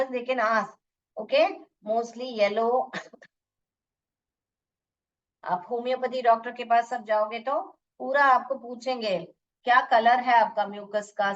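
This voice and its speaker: A woman teaching English in a lesson, repeating words slowly to drill pronunciation. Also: a little high, far from the mic, lo-fi sound. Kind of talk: bilingual classroom lesson. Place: room with a board.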